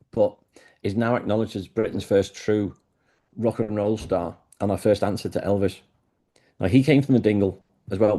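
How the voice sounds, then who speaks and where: Enthusiastic storytelling man, low and mellow. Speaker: guest, music historian. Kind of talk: conversational interview.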